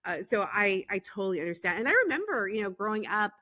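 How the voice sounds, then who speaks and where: A woman's voice: mid-range voice, expressive, quick pace. A woman from Los Angeles hosting a podcast, affirming her guest often with mm-hmms and enthusiastic replies. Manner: warm, affirming, frequent mm-hmms. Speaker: podcast host. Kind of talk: casual interview chat.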